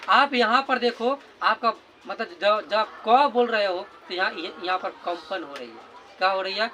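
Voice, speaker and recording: A man's voice: high voice, lively intonation, measured pace, sharp tone, a little hiss or hum, low-quality recording. A man teaching a grammar lesson, who keeps asking a question and answering it himself and drills sounds aloud. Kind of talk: classroom lesson explaining grammar.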